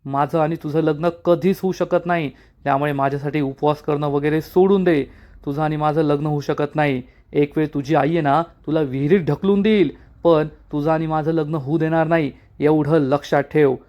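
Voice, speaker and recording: A man's voice: on the high side, steady tone, moderate pace, lo-fi sound, natural voice. A man doing a stern young villager. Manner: firm, lecturing.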